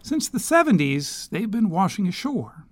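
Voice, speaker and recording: High-pitched man, animated news narrator. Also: moderate pace. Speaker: news correspondent narrating a feature.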